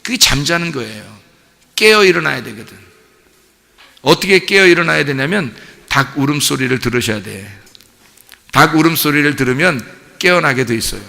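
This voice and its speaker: Middle-aged male pastor, bright high voice, sermon in a reverberant church hall. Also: vocal fry. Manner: animated storytelling, mimics animal cries and laughs. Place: church sanctuary.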